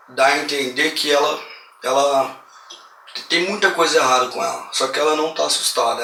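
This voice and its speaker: A man with a Brazilian accent casually retelling a horror film plot, slangy and animated. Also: medium pitch, recorded from a distance. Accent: Brazilian Portuguese. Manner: slangy, animated retelling that acts out quoted lines. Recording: roomy echo, voice a bit off-mic, faint hiss.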